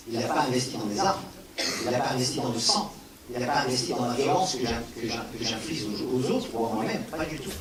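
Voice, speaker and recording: A man giving a public talk on non-violence, animated, with rhetorical questions and emphatic repetition, answering an audience's questions. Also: mid-range voice, far from the mic. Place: large hall with an audience. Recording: echoey hall, speaker away from the mic.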